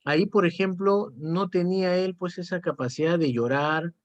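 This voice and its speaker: A man's voice: high-pitched, normal speed, dry recording, highs cut off. A man, a psychotherapist chatting reflectively and often tagging his sentences with "¿no?". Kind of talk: casual conversation.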